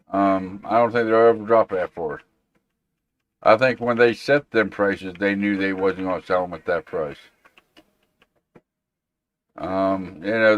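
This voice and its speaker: Rambling low-voiced man on a dull recording. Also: a bit bright. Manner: informal, rambling, reacting to viewer comments. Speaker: tech show host. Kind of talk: casual livestream chat.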